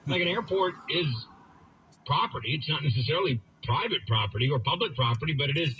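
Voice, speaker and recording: Fairly high-pitched and animated, this man talks fast as he hosts talk radio, pressing his opinions emphatically and repeating phrases for effect. The broadcast carries faint background noise, and the highs are cut off.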